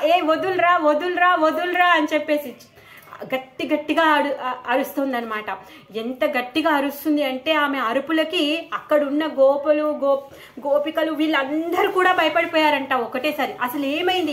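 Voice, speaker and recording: A woman's voice: high-pitched, a bit bright. A woman retelling a devotional scripture story in a casual way, with frequent fillers and acted-out quotes.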